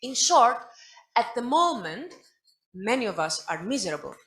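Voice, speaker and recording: A young woman giving a prepared speech as a conference panelist over a video call, brisk with wry asides. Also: a little high, big pitch swings, a bit bright, low-quality recording. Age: young adult.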